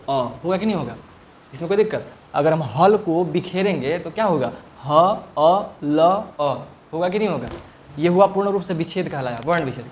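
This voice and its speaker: Teaching grammar to a class, a man with a slightly high and somewhat mellow voice asks the same question again and again. He draws out sounds to demonstrate them and frequently makes sure students understand. A faint hiss or hum sits in the background.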